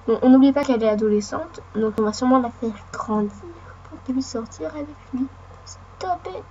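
A woman with a hoarse voice from a cold, sniffling while chatting and rambling through casual gameplay commentary, talking to the game and her viewers. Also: on the high side, fast talker, dark tone, lo-fi sound, a little hiss or hum. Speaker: let's play gamer.

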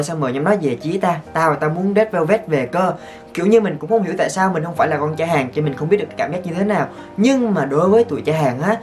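A man, telling stories to his viewers as a vlogger in an excitable, gushing way. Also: fairly high pitch. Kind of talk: casual storytelling to viewers.

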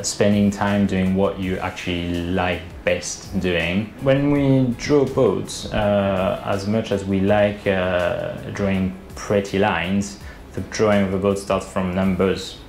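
A man in his thirties, a boat designer, explains things in a video-call interview, hesitating with lots of fillers and restarts. His low voice is slow, a little mellow, and fairly even in intonation, with faint music behind him. The webcam audio from his indoor room sounds roomy and carries a faint hiss.

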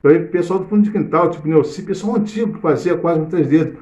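This fast-talking, slightly high-voiced middle-aged man teaches cavaquinho in a relaxed live lesson, his Brazilian Portuguese accent clear. He's chatty, explaining theory while playing and breaking into hummed or sung snippets, in an echoey space where the instrument rings out loudly.

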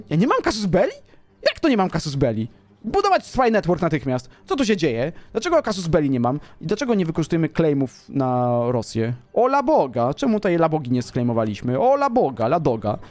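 A man in a relaxed let's-play, swinging his fairly high voice up and down as he brags and jokes with his viewers. Soft music plays underneath. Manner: boastful, playful, talks to the viewers. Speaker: gaming commentator. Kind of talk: casual let's-play commentary.

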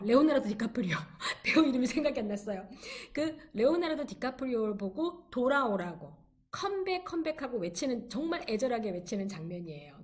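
A woman teaching an online English class, her voice sitting fairly high and moving a great deal in pitch. She encourages her students and slows down to drill phrases for them to repeat. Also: a little mellow. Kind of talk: online lecture.

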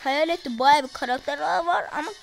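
A woman giving casual, excitable commentary on her gameplay and talking to her viewers. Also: sits high, fairly quick, creaky, rough recording. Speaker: gaming streamer. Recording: music playing in the background.

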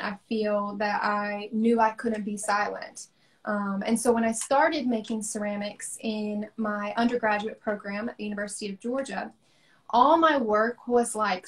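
A young woman from the American South, an artist talking thoughtfully about her work over a video call, with frequent ums. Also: mid-range voice. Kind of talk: casual conversation on a livestream.

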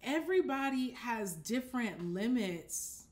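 A young woman hosting a casual dating-advice talk from her apartment, speaking straight to the camera, animated and direct, often checking that listeners follow. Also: fairly high pitch, measured pace. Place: apartment living room, indoors.

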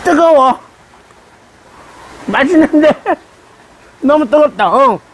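A woman's voice: high voice, lively intonation, slow pace, low-quality recording. Woman, talking with hot food. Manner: savoring, exclaiming between bites. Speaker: mukbang vlogger. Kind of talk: casual eating commentary. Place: restaurant, indoors.

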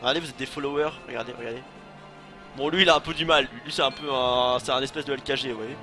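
A man's voice: mid-range voice, fairly even intonation, fast talker, sharp tone. A young man casually commenting on his gameplay, joking, swearing and talking to his chat. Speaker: let's play streamer. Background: game music.

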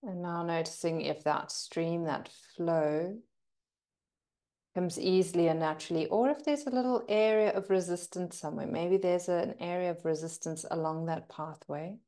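A teacher gently talks listeners through breathing exercises, her voice on the low side. She soothes them with slow, lingering pauses.

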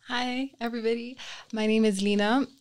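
A woman's voice: fairly high pitch, fairly even intonation, normal speed, smooth. Upbeat young woman from Kenya. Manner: friendly, upbeat, with filler ums. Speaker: podcast guest, entrepreneur. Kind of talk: casual podcast conversation. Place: small indoor podcast studio. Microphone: studio microphone on a stand.

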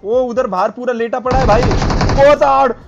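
A man gaming online, boasting, teasing teammates and shouting orders in casual banter. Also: very high-pitched, fairly even intonation, quick pace, noisy background. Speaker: gamer streamer. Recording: lo-fi game capture with music. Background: game music and gunfire.

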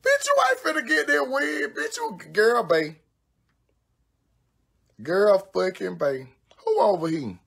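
A woman's voice: mid-range voice, big pitch swings, slow pace, vocal fry, long pauses, fairly bright tone, breathy edge. A woman on a phone livestream at home, talking casually and cursing freely while she does her own nails. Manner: brash, profane, exclamatory, frequent cursing. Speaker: social media personality.

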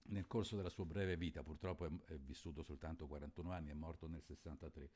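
A man introducing a novel and then reading it aloud, explaining in a halting, thoughtful way with frequent hesitations. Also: very deep voice, fairly even intonation, a little mellow, slightly rough. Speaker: literary reader and presenter.

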